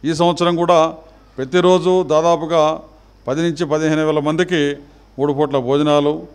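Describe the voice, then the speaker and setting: A middle-aged man answers a reporter's questions as chairman of a temple trust. He speaks in formal, measured phrases with small pauses. His voice is smooth and resonant, pitched a little high for a man. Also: steady tone.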